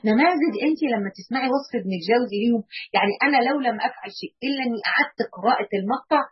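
Fast, fervent Egyptian woman preacher. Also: a little high, lively intonation, slightly rough, lo-fi sound. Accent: Egyptian Arabic. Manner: fervent, exhorting, rhetorical questions, reads passages aloud slowly. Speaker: religious teacher. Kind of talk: Islamic lesson to women, commenting on a classical text.

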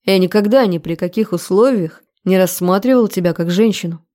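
A woman's voice: mid-range voice, mellow, natural voice. A woman reading a furious, menacing young man. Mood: contemptuous. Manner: slow, threatening interrogation. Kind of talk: audiobook character voice.

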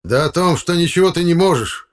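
A man voicing a brash, tipsy older village electrician who talks back defiantly and shouts. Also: mid-range voice, brisk, voice pushed up, lightly acted.

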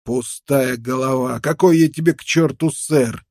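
A man's voice: mid-range voice, a little slow, a little mellow, no echo, studio quality. A man voicing a menacing, contemptuous young frontiersman with a knife, snarling threats in an audiobook. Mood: threatening.

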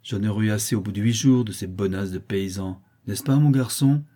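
A man's voice: lowish voice, a little fast, warm tone, close to an everyday voice. A man voicing a blind, brutal old brigand who growls about revenge. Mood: wheedling. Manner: growling, bitter, menacing.

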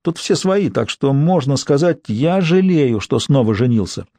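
A man's voice: medium pitch, lively intonation, moderate pace, dark tone, no echo. A man reading an audiobook, voicing a boorish middle-aged husband who talks in a coarse, folksy, griping way.

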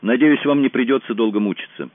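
A man voicing a nervous, grim male kidnapper in a thriller audiobook, speaking in a low, weary, resigned way. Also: fast, no room sound, close to an everyday voice. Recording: dry, tinny phone-like sound.

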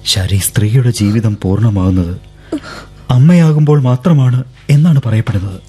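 An actor voices the lead, a young man earnestly begging his beloved to run away with him, in a 1970s radio play. He sounds mellow and slightly rough, mid-range at a moderate pace, lightly acted and pleading, over faint music on an old radio broadcast.

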